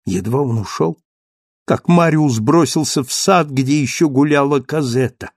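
A man narrating a classic novel as an audiobook with steady, measured delivery. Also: fairly high pitch, breathy edge, dry recording, clean studio sound.

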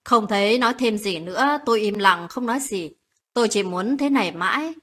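A woman narrating a late-night romantic story in a calm, steady reading voice. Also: medium pitch, a little fast, husky.

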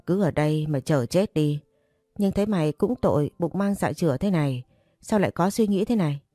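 A woman voicing a jealous, cruel young wife who threatens and taunts in a low, warm voice. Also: expressive, a little fast, dry recording, clean studio sound, soft background music. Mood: taunting. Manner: taunting, menacing.

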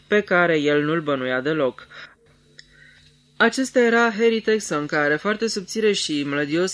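A man narrating a detective story in a measured storytelling voice. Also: on the high side, fairly bright tone. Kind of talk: dramatic reading of a detective story.

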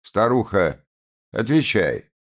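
Snide officer barking orders, slow and cold, man reading him. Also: fairly low pitch, big pitch swings, voice pushed up, heavily acted. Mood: contemptuous. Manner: curt, sneering, commanding. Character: cold, contemptuous young police officer.

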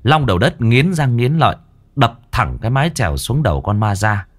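A man's voice: mid-range voice, big pitch swings, fairly quick. A man narrating a ghost story in a dramatic storytelling manner.

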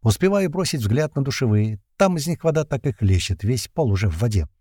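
Casting: male first-person narrator, tense and colloquial, mellow dark timbre, dry close sound. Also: mid-range voice, sing-song, fairly quick, no echo. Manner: tense, colloquial storytelling with slang. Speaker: audiobook narrator.

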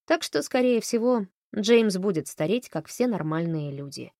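Woman reading a calm, gentle woman. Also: mid-range voice, dry recording, clean studio sound, close to an everyday voice. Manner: soft, gentle, measured.

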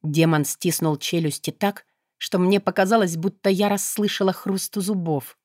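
A woman narrating a first-person audiobook in a lively, sarcastic and emotional manner. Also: on the low side, moderate pace, dry recording, clean studio sound.

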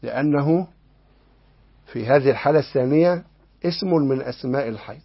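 A man with an Egyptian Arabic accent teaches a lesson on Islamic law, explaining a text and asking his listeners rhetorical questions. His voice is medium-pitched, slightly rough and fairly quick, captured on a dull, lo-fi lesson recording.

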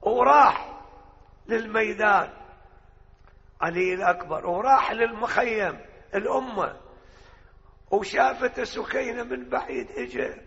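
A man's voice: high voice, lively intonation, a little slow, long pauses, a bit bright. A man with an Iraqi accent giving an impassioned mourning sermon, moving between speech and chanted lament. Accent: Iraqi Arabic. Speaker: religious orator. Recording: dull lo-fi audio with long hall reverb.

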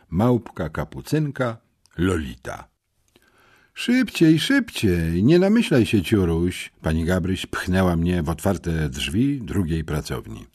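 A man narrating a children's adventure audiobook in an expressive first-person storytelling manner. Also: on the low side, slightly rough, no echo, studio quality. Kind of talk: scripted narration.

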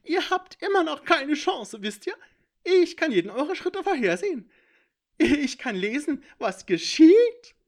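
A man voicing a shrill, arrogant male villain who cackles and taunts in a manic way. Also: very animated, a little slow, full character voice.

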